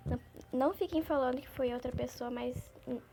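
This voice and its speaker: A woman hosting a gaming channel, talking through her gameplay in a chatty, rambling, excitable way. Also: sits high, a little fast, a little hiss or hum. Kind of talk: gameplay commentary.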